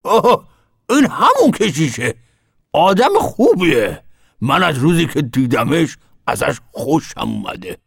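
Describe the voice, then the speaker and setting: A man voicing a rowdy, mischievous, boastful old grandfather with a gravelly voice in an audiobook. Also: a little high, huge pitch swings, a bit bright, no room sound, clean studio sound, voice pushed up, full character voice. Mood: sly.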